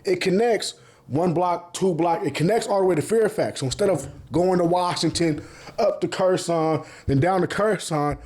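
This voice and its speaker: A man's voice: sits high, moderate pace, darkish tone, husky. A man hosting a podcast, telling stories in casual street slang with plenty of profanity and frequent laughter. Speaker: podcast host. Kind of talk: casual storytelling.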